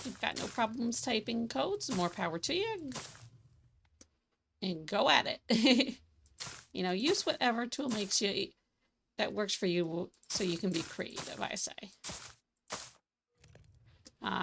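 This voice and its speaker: A woman streaming a building game, chatting and thinking aloud as she works, a little hoarse from losing her voice. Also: mid-range voice, moderate pace, fairly bright tone, a little hiss or hum. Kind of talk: casual gaming livestream commentary.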